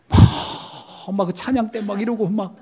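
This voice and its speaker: A man preaching a sermon, who swings between loud emphasis and hushed asides and acts out the quoted dialogue. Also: high voice, slightly rough. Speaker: pastor.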